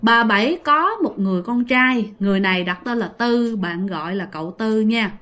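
A woman's voice: on the high side, expressive, moderate pace, a bit bright. A woman with a Southern Vietnamese accent telling a ghost story in a casual, chatty way, often speaking straight to her listeners. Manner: chatty, addresses listeners directly.

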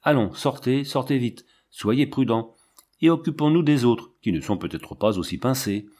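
Urgent, no-nonsense animal doctor, raised and brisk, read by a man. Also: mid-range voice, lively intonation, a little mellow, lightly acted. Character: brisk, urgent male veterinarian.

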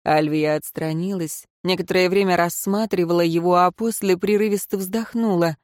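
A woman narrating a fantasy novel in calm, even storytelling. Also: fairly low pitch, normal speed, dry recording, clean studio sound. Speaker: audiobook narrator. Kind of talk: scripted narration.

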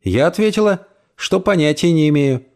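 Man reading a novel aloud, calm, measured, slightly high voice. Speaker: audiobook reader. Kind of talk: scripted narration.

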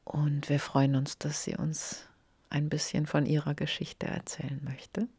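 Calm, low-voiced woman interviewer. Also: measured pace, husky, no echo. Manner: calm, gentle questioning. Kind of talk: radio interview.

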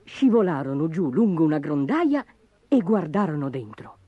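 A woman narrating a children's storybook in an expressive, dramatic way. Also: sits low, moderate pace, slightly rough, no room sound. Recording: dull lo-fi audio with music behind.

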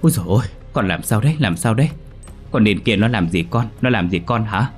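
A man's voice: on the low side, a little fast, faint music behind, natural voice. A man doing a flustered old village mother. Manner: flustered, repeated questions. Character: anxious older village mother, fussing.

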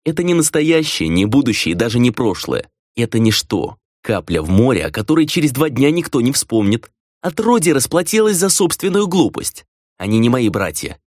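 A man's voice: mid-range voice, sing-song, moderate pace, no echo, clean studio sound, pitched above the performer's own voice. A man reading an audiobook voices an arrogant, scornful male vampire clan lord. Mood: mocking. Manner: scornful, domineering, shouting at times. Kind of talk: audiobook character voice.

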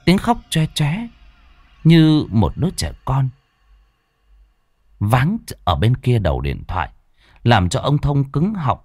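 A man's voice: mid-range voice, huge pitch swings, slow, long pauses, a little mellow, dry recording. A man narrating a horror audiobook in a dramatic storytelling manner.

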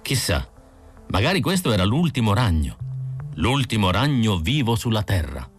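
A man's voice: on the low side, sing-song, moderate pace, soft background music. A male narrator voicing a smug android man who talks in an assured, slightly mocking way.

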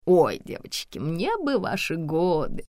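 A woman's voice: deep voice, very animated, unhurried, no echo, studio quality, heavily acted. A woman reading a wry old retired teacher. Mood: dreamy.

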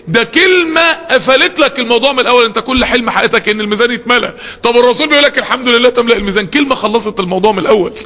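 Egyptian man preaching, high-pitched, rapid, intense questions, long reverb. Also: sharp tone. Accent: Egyptian Arabic. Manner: rhetorical questions, emphatic, passionate. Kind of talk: sermon.

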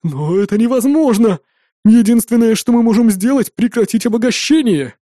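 A man voicing a frightened male engineer who pleads and babbles in a raised, rushed voice. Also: dark tone, no room sound, studio quality. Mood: protesting. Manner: high, rushed and begging.

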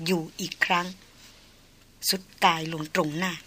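A woman reading a novel aloud in steady, measured narration. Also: lowish voice. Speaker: audiobook narrator.

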